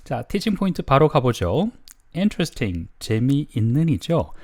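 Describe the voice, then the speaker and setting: Guy running an english lesson, lively sing-song delivery, makes you repeat after him, reads examples super slow. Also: mid-range voice. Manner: reads English model sentences slowly and deliberately. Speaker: English teacher. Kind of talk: drill-style language lesson.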